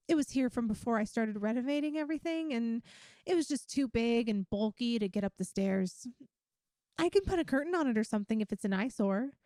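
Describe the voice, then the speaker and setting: In an ASMR-style roleplay, a woman plays a doting, possessive young yandere girlfriend, speaking to the listener in a cutesy, coaxing, teasing way with drawn-out emphasis. Her voice sits high and sounds warm, with studio quality and no echo.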